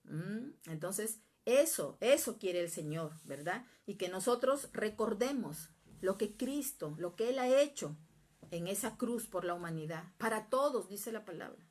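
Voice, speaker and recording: A woman's voice: medium pitch, lively intonation, measured pace, darkish tone. A woman giving Bible teaching in an earnest sermon style, repeating points and checking in with her listeners, sometimes acting out prayers. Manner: acts out prayers and quoted speech.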